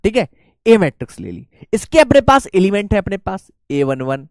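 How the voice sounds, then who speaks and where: A man's voice: sits high, big pitch swings, normal speed, darkish tone, no echo, clean studio sound. A male maths teacher giving a lesson who coaxes his students and keeps checking that they follow. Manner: coaxing, keeps checking students follow, calls them "beta".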